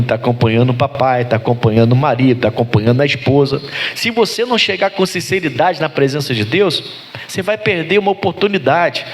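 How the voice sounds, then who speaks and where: A pastor delivering a lively sermon, his fairly high-pitched male voice leaping up for emphasis. He keeps calling out to the congregation for their amens as he preaches. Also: a little hiss or hum.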